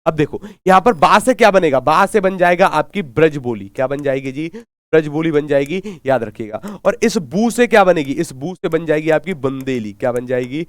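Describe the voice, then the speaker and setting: A man's voice: fairly high pitch, expressive, moderate pace, no echo, clean studio sound. A man teaching a live online Hindi exam class, asking questions and repeating answers, urging viewers to comment. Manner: drills answers with repeated questions and call-backs.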